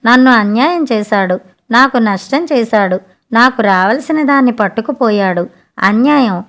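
A woman's voice: a little high, lively intonation, normal speed, fairly bright tone. A woman reading a storybook, voicing a greedy, scheming male merchant. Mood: wailing. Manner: pleading and wailing in turns. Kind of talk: storybook narration.

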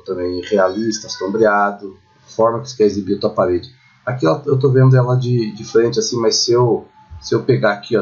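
A Brazilian man leads a screen-recorded design software lesson and keeps pausing to ask whether the viewer follows. His voice sits at an ordinary mid pitch. The audio comes through dull and lo-fi, like a basic screen capture. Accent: Brazilian Portuguese. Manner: chatty, checks in with the viewer constantly. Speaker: architecture software instructor.

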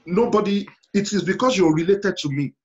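High-voiced Yoruba Nigerian man, emphatic. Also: lively intonation, a little fast. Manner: emphatic storytelling with rhetorical questions and repetition. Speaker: panel guest. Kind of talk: impassioned panel discussion. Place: indoor room at home, video call. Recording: dull, lo-fi video call.

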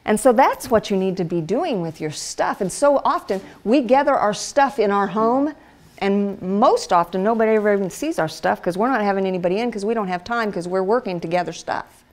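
At a women's Bible study, a middle-aged woman gives a conversational church teaching to other wives in a medium-pitched, animated, brisk voice. She's chatty and down-to-earth, slipping into everyday voices.

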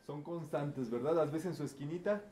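A man leads a participatory lesson, his voice sitting a little high yet mellow and dark in tone. He asks the group questions, repeats each answer back, and caps his points with "¿verdad?". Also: normal speed, slight background noise. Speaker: teaching facilitator. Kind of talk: interactive group teaching talk.

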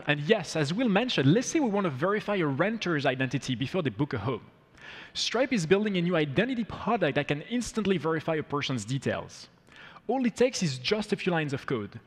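A man's voice: fairly high pitch, sing-song, fairly quick, breathy edge. Upbeat man demoing code on stage. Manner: upbeat, walks through steps as he goes. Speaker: product demo presenter. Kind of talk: live coding demo on stage. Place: large conference hall, on stage. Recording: long hall reverb.

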